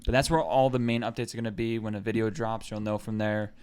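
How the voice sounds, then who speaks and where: A man, co-hosting a casual podcast and telling rambling, animated stories. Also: fairly low pitch, fast talker, smooth. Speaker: podcast co-host. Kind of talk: casual chat.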